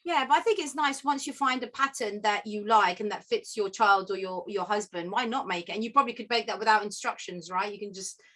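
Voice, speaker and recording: A woman hosting a casual interview from her home sewing room over a video call, chatty and quick to laugh. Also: medium pitch, pushed and bright. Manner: chatty, laughs often, asks follow-up questions. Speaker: podcast host.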